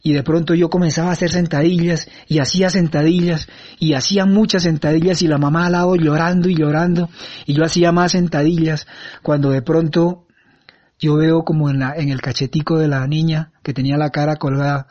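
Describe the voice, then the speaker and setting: A man giving a first-person eyewitness account, halting and earnest, with frequent restarts. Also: on the high side, fairly even intonation, a little mellow. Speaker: eyewitness recounting an event. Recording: dull lo-fi sound.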